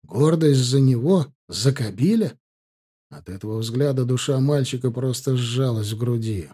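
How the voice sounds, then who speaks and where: A man narrating a story in a steady, dramatic way, as in an audiobook. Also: medium pitch, unhurried, breathy edge.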